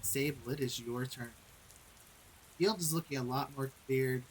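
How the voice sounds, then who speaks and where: A man's voice: medium pitch, slight background noise, poor audio. A man acting as game master, narrating combat and calling for dice rolls in a tabletop game. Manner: measured, calls for rolls and narrates combat results.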